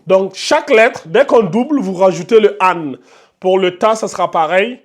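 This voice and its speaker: A man's voice: high voice, lively intonation, moderate pace. Man drilling Arabic letter sounds. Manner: drills sounds aloud, stressing letter names; addresses viewers directly, frequent checks. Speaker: Arabic teacher. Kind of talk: whiteboard lesson.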